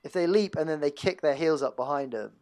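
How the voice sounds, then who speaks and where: A man's voice: on the high side, a little fast, a little mellow. A man co-hosting a casual podcast, laid-back with a wry, joking manner. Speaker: podcast co-host.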